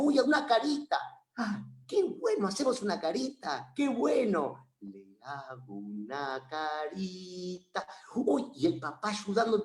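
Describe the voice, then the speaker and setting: Man, Rioplatense accent, child psychology lecture, animated retelling, reflective asides, slightly high voice, echoey room. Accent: Rioplatense Spanish. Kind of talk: recounting a therapy session in a lecture.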